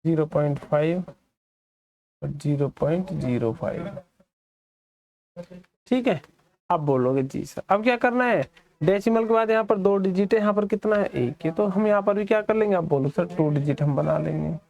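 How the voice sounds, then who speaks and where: A man's voice: normal speed, vocal fry, pauses often. Indian man teaching maths, quizzing. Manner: asks questions and answers them for the students; drops lower and softer on the students' replies. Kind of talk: classroom maths lesson.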